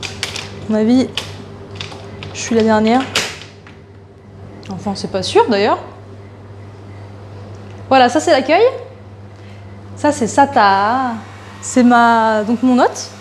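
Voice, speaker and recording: Young woman, travel vlogger, casual walkthrough, slightly high voice, filler-heavy chatter, handheld camera. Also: slow, pauses often, a little hiss or hum. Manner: chatty, hesitant, lots of fillers and restarts. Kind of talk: casual vlog chat, walking tour. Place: guest house indoors, walking around.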